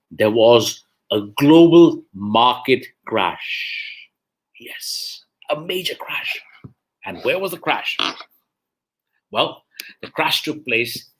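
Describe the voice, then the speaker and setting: A man's voice: medium pitch, sharp tone. A middle-aged man giving a lecture, asking rhetorical questions and acting out conversations with bank clerks. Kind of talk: lecture to young students.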